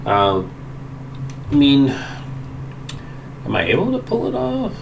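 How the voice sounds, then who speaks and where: A man's voice: mid-range voice, wildly swooping pitch, slow pace. A man playing a tabletop game, bantering casually with the group. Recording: echoey room, clear background noise.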